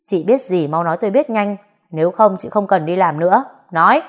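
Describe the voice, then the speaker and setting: A woman's voice: medium pitch, normal speed, mellow, husky, natural voice. A woman voicing a hot-tempered, lovesick young master who barks commands and threats. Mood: threatening.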